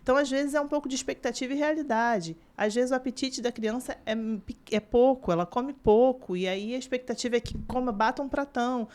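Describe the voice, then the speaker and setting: A woman's voice: fairly high pitch, brisk, hardly any pauses, a little mellow. A woman with a Brazilian Portuguese accent, a child nutritionist chatting on a podcast, who acts out the things she says to parents. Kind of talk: casual podcast conversation.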